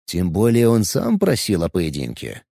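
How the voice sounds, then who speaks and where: Male narrator, scripted audiobook narration, gravelly, very lively pitch, dry. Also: moderate pace, no echo.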